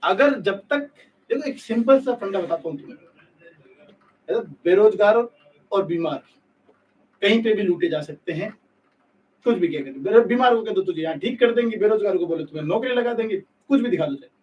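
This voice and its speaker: Male exam coach on a live stream, candid and scolding, high voice, sits back from a lo-fi mic. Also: animated, normal speed, pauses often, far from the mic. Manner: blunt, scolding, talks directly to students. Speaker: nursing exam coaching teacher. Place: live online class.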